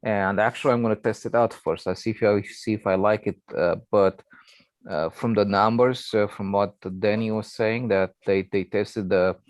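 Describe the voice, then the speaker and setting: A man's voice: on the low side, fairly even intonation, moderate pace, no room sound. A man talking casually as a guest on a hangout, explaining technical details in a tentative way. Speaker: hobbyist guest on a video hangout.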